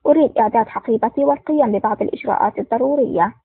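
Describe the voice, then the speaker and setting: A woman's voice: on the high side, very fast, slightly rough, dry recording. A woman voicing a stern, terse male intelligence officer in an audiobook, with a curt, dry delivery. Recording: tinny phone-like sound.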